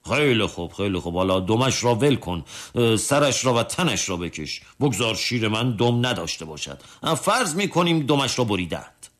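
A man voicing a boastful tough-guy customer who turns cowardly and complains about pain in high, jumping cries. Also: sing-song, fairly bright tone. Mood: whining.

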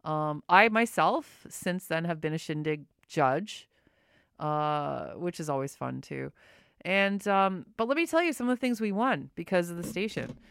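A middle-aged woman hosts a radio show in a casual, unscripted way, her words wandering informally. Her voice sits a little low and is smooth, though slightly muffled by the face mask she talks through. The studio sound is dry and close. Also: expressive, a little slow, no echo. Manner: rambling, informal.

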